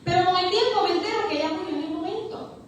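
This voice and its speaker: A woman's voice: extremely high pitch, a little hiss or hum. A woman pastor preaching a passionate sermon, stretching out her key words. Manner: impassioned preaching, drawn-out stressed words. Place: church hall. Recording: echoey church hall heard from far off.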